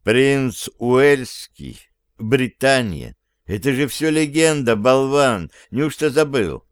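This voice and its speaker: Man reading as a stern, exasperated boss in an audiobook, slow and interrogating, in a smooth, clear voice. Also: medium pitch, lively intonation, dry recording, clean studio sound. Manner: scolding, interrogating. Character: stern exasperated male chief.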